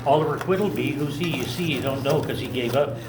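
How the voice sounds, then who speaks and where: An older man with a grandpa voice, reciting a comic tale with deliberately jumbled syllables to a group at an indoor lunch. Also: medium pitch, heavy background noise. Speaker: grandfather telling a story at a wedding lunch. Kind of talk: comic spoonerism storytelling to a live group. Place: indoor wedding lunch room. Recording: roomy echo, loud clatter of dishes.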